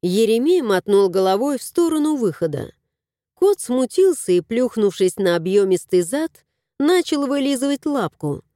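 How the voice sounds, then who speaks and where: A woman narrating an audiobook in an expressive storytelling voice on a close mic. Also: fairly high pitch, normal speed, dry recording.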